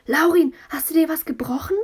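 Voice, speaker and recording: A woman's voice: mid-range voice, moderate pace, lightly acted. A woman reading an audiobook, voicing a bold young boy who makes grand, defiant declarations. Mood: alarmed shouting.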